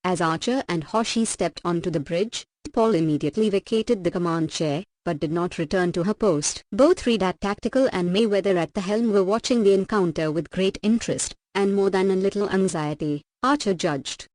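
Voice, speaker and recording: A woman narrating an audiobook in an even, steady storytelling manner. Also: medium pitch, moderate pace, few pauses, dry recording. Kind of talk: scripted narration.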